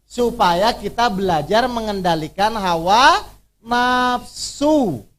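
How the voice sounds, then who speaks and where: Man, high voice, preacher, interactive lecture, keeps firing questions at the audience. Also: lively intonation, slow pace, fairly bright tone. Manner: repeats key phrases to drive points home. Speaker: Islamic preacher. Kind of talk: interactive religious workshop lecture.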